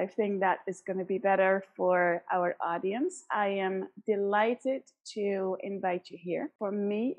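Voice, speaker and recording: A woman's voice: medium pitch, darkish tone. A woman hosting a podcast interview over a remote call, talking in an earnest, reflective way. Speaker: podcast host. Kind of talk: casual interview chat.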